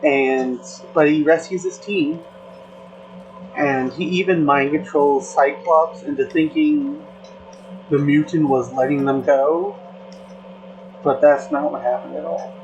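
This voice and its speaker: Slow rambling casual talker. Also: medium pitch, darkish tone, lo-fi sound, slight background noise. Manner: rambling, filler-heavy, slow. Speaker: content creator. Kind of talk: casual chat.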